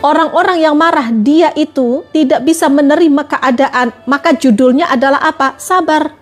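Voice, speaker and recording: A woman's voice: high-pitched, moderate pace, faint music behind. A woman giving a religious talk on a live stream, asking her listeners question after question. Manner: repetitive rhetorical questioning.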